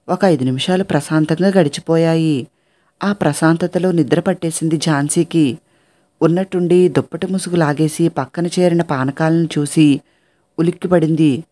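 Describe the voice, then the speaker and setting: A storyteller reading a short story aloud in a steady, even narration, with the characters' dialogue read inside the telling. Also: mid-range voice.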